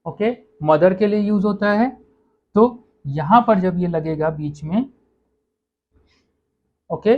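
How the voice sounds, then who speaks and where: A patient teacher walks through pronunciation rules at a steady, mid-pitched level, checking in with frequent "okay"s. The audio is slightly dull and lo-fi. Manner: patient, repeats "okay" and corrects own slips. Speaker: French language teacher. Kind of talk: online lesson explaining pronunciation.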